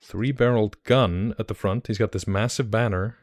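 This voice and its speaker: At normal speed and in a very low voice, a young Icelandic man chats casually on a stream in English, which isn't his first language. Warm and rambling, he leans on fillers and restarts and gets worked up with excitement over what he shows.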